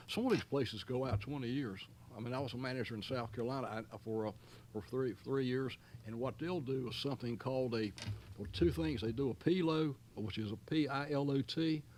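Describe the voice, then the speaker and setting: A middle-pitched man speaks as county manager at a public meeting, with faint noise behind him. He talks in a folksy, rambling way, full of fillers, restarts and homespun turns of phrase. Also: darkish tone. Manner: folksy, long-winded, many fillers and restarts. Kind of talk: explaining at a public board meeting.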